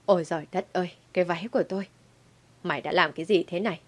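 Angry old mother-in-law yelling, scolding nonstop , woman playing her. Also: lowish voice, steady tone, moderate pace, lightly acted. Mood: furious scolding.

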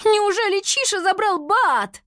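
A woman voicing an impatient young girl apprentice wizard in a storybook reading, with excitable, shrill exclamations. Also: unhurried, no echo, studio quality, heavily acted. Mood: frightened. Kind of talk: storybook character voice.

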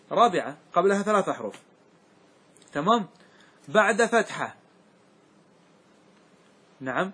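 A man's voice: sits high, a bit bright, breathy edge. A man teaching a grammar class, quizzing his students and repeating their answers.

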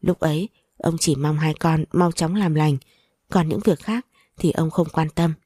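A woman reading the lines of a frail, dying old grandfather who speaks gently and lovingly in an audiobook story. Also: low-pitched, unhurried, husky, dry recording, studio quality. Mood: tender. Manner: soft, tender speech.

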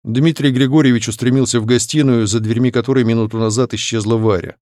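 A man narrating an audiobook in a measured, clear reading voice. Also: mid-range voice, steady tone, a little mellow, dry recording, studio quality. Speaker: audiobook reader. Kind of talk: scripted narration.

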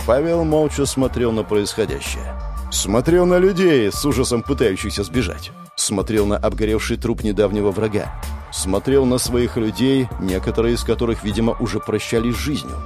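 A man narrating a fantasy audiobook in an expressive, dramatic reading. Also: fairly low pitch, moderate pace. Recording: faint background music.

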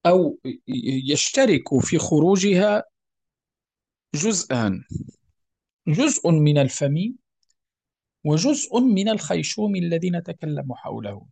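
Guy teaching recitation rules, slow and patient, asks then answers himself, dry close sound. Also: on the high side, big pitch swings, creaky, a little mellow, husky, no room sound. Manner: patient and repetitive, often correcting himself mid-word. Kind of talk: explanatory lesson on tajweed rules.

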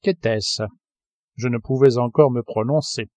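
A man reading a classic novel aloud as an audiobook narrator, in a steady, even voice. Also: medium pitch, a little slow, dry recording, studio quality. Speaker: audiobook reader. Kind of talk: scripted narration.

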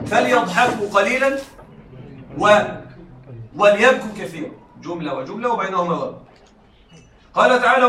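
A man's voice: sits high, bright, forceful tone. A man teaching a class on Arabic rhetoric in a lecture style, repeating points and checking that his students follow. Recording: echoey room, mic far off.

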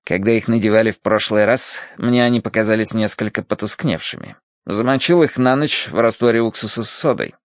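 A man voicing a calm, unflappable Victorian butler who speaks in a measured, deferential way in an audiobook. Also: on the low side, dry recording, studio quality, close to an everyday voice.

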